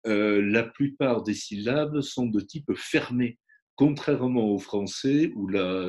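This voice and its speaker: A man's voice: medium pitch, mellow, dull audio. A man, a phonetics professor, explaining pronunciation teaching in an interview and demonstrating examples aloud.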